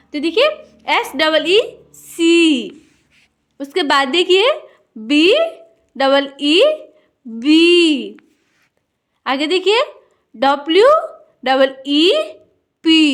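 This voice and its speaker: A high-voiced woman teaches English reading at an unhurried pace. She spells each word letter by letter and then reads it whole, with patient repetition. Her delivery is slow and steady, like a beginner's lesson.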